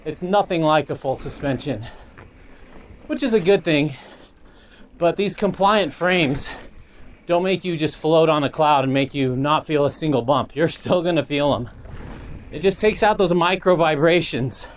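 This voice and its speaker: A man's voice: a little high, a little slow, slight background noise. A man reviewing a mountain bike aloud while riding it on a desert trail, enthusiastic and now and then a little winded. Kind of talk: riding commentary.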